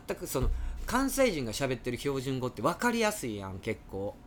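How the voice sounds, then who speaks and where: A man with a Kansai accent co-hosting a casual podcast, relaxed, with frequent short nods and storytelling asides. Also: mid-range voice, fairly quick, slight background noise. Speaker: podcast co-host.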